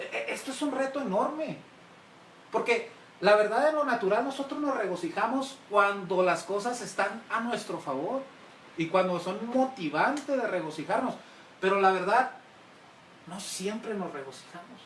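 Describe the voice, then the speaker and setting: A man's voice: high voice, fairly bright tone. Male pastor, engaging sermon delivery, often asking his listeners questions, a bit far from the mic in an echoey room. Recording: roomy, mic at a distance, faint hiss.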